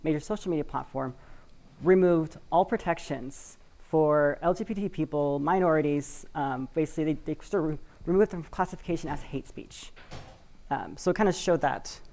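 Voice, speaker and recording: This live conference talk comes from a Washington State woman representing a community cooperative, speaking to an audience from the stage. Her low, gravelly voice sounds mellow at a normal speed, and she talks conversationally with many fillers and hedges.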